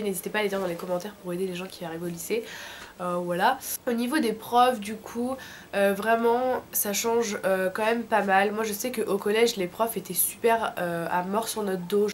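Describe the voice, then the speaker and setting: She's a vlogger from France in her late teens, sick with a throat infection, and her medium-pitched voice is thick and sore from tonsillitis. In a casual vlog she offers informal, slangy advice, and a slight hiss or hum can be heard.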